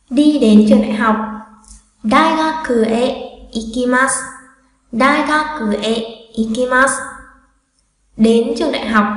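A woman's voice: fairly high pitch, fairly bright tone. A female language teacher giving an online grammar lesson, chatty, asking her viewers questions and answering them herself. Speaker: Japanese teacher. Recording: strong echo, long room reverb.

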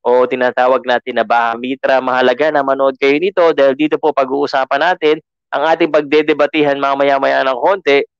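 A man's voice: mid-range voice, level tone, fairly quick, clean tone, dry recording, muffled recording. A man with a Filipino accent hosting a podcast, talking casually with lots of fillers and restarts. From Philippines. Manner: chatty, code-switching, frequent fillers and restarts. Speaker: podcast host.

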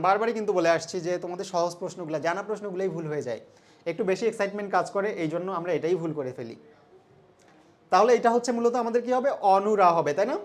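A young man from Bangladesh teaching an exam solution lesson, conversational and asking his students questions. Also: high voice. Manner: conversational, mixes English terms, asks students questions.

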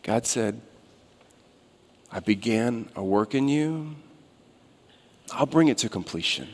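A man in his thirties preaching a sermon on a large church stage, with a long hall reverb trailing his words. He moves from hushed, reflective asides to loud, urgent calls, spoken into a headset mic. His pitch sits in an everyday middle range. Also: lively intonation, slow. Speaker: guest preacher.

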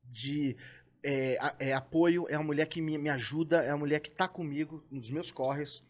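A man's voice: on the high side, steady tone, normal speed. A middle-aged man, a rock musician, talking as a podcast guest in an emotional, heartfelt way, swearing freely and stumbling over repeated words. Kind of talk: emotional casual chat.

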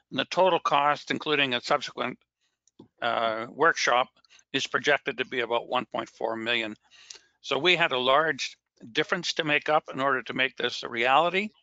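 Guy presenting slides on a video call, keeps clearing his throat, voice going, very bright sharp tone, dull lo-fi sound. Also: medium pitch, no room sound. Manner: halting, frequent restarts and throat clearing. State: losing his voice. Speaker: fisheries scientist presenting at a press conference. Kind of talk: presenting slides at a virtual press conference.

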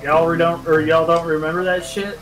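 A man's voice: on the high side, flat delivery, normal speed. A young man chatting in a laid-back, joking way while gaming with friends. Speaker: gamer. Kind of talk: casual gaming banter. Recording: distant voice with music.

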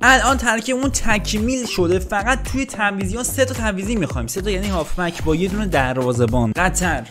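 A man hosting a game channel, giving excitable live gameplay commentary, talking to himself and cursing at the game. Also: high voice. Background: game music.

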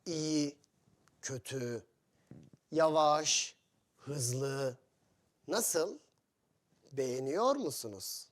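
A man teaching to foreigners in short, deliberate phrases, repeating simple examples. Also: a little high, animated. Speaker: Turkish teacher.

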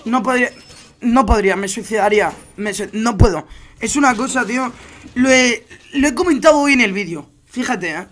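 A young man from Spain chatting on a gaming stream, full of slang and calling everyone mate. His Spanish accent is plain, and he gets animated and loud as his stories build up. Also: very high-pitched. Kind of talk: casual gaming stream chat.

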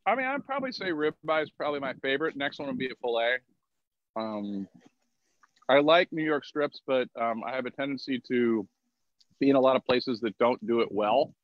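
A man's voice: mid-range voice, moderate pace, long pauses, no room sound, dull audio. A man speaking as a guest in a casual chat, easygoing and hedging as he talks. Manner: easygoing, hedging with "you know" and "I mean". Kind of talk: casual conversation.

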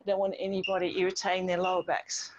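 A woman's voice: on the low side, completely flat delivery, fast, background noise. A middle-aged woman leading an online exercise class, giving encouraging step-by-step cues as she moves along with the group. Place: outdoor home patio with garden wall. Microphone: distant device microphone on a video call. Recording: dull, band-limited video call audio.

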